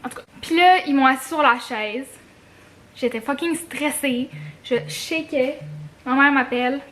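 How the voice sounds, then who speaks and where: Young quebec girl vlogging, high voice, super casual n slangy, swears, throws in english words. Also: unhurried, a bit bright. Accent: Quebec French. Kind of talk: casual chat to camera, personal story.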